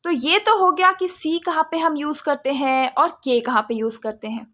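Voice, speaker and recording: A woman hosting a phonics lesson channel, explaining spelling rules deliberately and sounding words out letter by letter, mixing English phrases into her explanations. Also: high-pitched, fairly even intonation, a bit bright. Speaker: phonics teacher and channel host.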